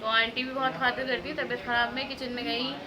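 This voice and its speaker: Young woman, relative on a visit, quiet casual chat, other people heard behind. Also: fairly high pitch, flat delivery, quick pace, a crowd in the background, low-quality recording. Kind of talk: casual family conversation.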